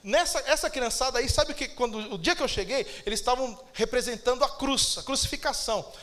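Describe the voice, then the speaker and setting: A man's voice: very high voice, a little fast, sharp tone. A man with a Brazilian Portuguese accent preaching a sermon as pastor, emphatic and calling out to the congregation for amens.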